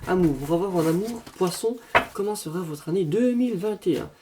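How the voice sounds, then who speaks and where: A man's voice: sits high, a little fast, noisy background. A man doing a parody horoscope reading, rambling in a mock-solemn fortune-teller manner. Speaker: comedian.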